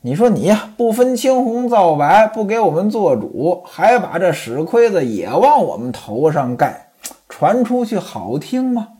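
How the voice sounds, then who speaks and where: A woman's voice: lowish voice, big pitch swings, measured pace, warm tone, husky, exaggerated voice. A woman storyteller voicing a coquettish young maid who coyly coaxes and chides her master. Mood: coaxing. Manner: coy, coaxing, reproachful.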